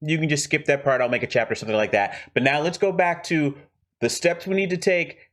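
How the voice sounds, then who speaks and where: A man's voice: on the high side, a little fast, a bit bright. A middle-aged man hosting a casual film commentary, chatty and digressive with self-deprecating asides. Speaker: host and screenwriter.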